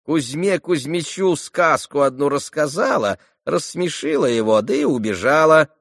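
A man's voice: a little high, animated, moderate pace, a bit bright, no echo, clean studio sound, pitched above the performer's own voice. A man voicing an old female servant who talks in a fussy, deferential way. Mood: fussy chatter.

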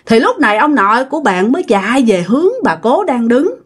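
A woman with a Southern Vietnamese accent tells a ghost story in a fairly high, husky voice, very animated and brisk. She keeps it casual and chatty, speaking straight to her listeners and scattering tag particles throughout.

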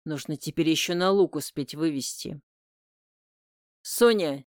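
Slow, smooth audiobook narrator. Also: medium pitch, no room sound, studio quality. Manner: intimate, emotional first-person telling. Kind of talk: first-person audiobook narration.

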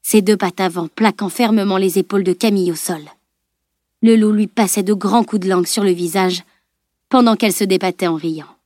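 A woman reading a novel aloud as audiobook narrator, in a measured, even storytelling voice. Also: mid-range voice, no echo, clean studio sound.

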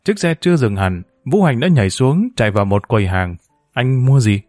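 A man narrating a novel as an audiobook in a steady, measured storytelling voice. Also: mid-range voice, no echo, studio quality, soft background music.

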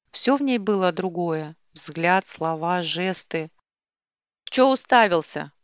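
A woman narrates a story in a measured, even reading voice. The recording is dull and lo-fi. There is no room echo at all. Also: mid-range voice.

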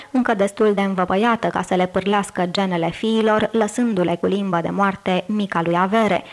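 A woman reading a literary tale aloud in a deliberate, expressive manner, slowing words for emphasis. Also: medium pitch. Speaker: audiobook reader. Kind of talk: scripted literary narration.

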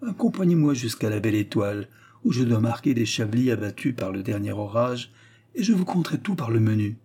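A man voicing a proud, talkative forest warden, bright and eager in the reading of a novel. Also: mid-range voice, very animated, fairly quick, breathy edge.

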